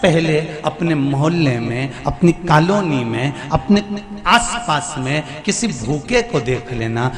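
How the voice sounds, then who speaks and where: A man preaching a devotional sermon at a live event, pleading and emphatic, full of rhetorical repetition. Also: mid-range voice. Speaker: katha preacher. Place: large hall, live event. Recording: echoey hall with music behind.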